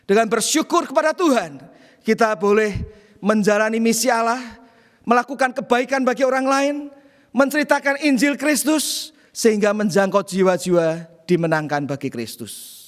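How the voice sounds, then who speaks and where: High-voiced pastor preaching in a reverberant hall. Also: male voice, moderate pace. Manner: storytelling, often addressing listeners as brothers and sisters. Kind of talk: sermon with a personal story.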